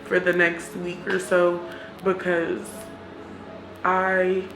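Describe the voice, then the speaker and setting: A woman with a fairly low voice that stays very even in pitch. She speaks candidly and reflectively, as in a casual confessional vlog, encouraging herself as she goes. The room is echoey, with music behind her. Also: extremely slow. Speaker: vlogger. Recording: roomy echo with music behind.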